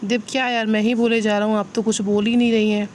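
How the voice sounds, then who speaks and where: A man's voice: sits high, little pitch movement, fast, a little hiss or hum, lightly acted. Give me a playful, reassuring young fiancé, as a woman reads him. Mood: tender. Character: affectionate young man, teasing fiancé.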